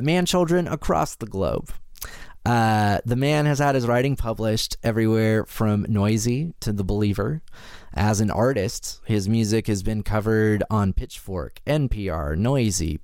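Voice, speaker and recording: A man's voice: fairly low pitch, darkish tone, smooth, no room sound, studio quality. A man hosting a podcast, casually introducing things in a hesitant, rambling way full of asides. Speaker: podcast host.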